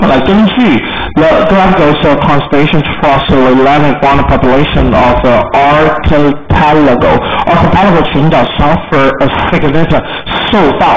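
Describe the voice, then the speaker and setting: A man with a Taiwanese Mandarin accent teaching English vocabulary to a class, spelling words letter by letter and explaining them in Chinese. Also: a little high. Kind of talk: classroom lesson. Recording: roomy, muffled classroom recording with faint noise.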